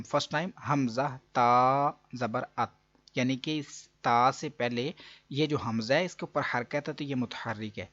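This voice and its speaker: A Quran reading teacher gives an online recitation lesson, patiently explaining and repeating each rule step by step. He has a medium-pitched voice, and the sound is lo-fi.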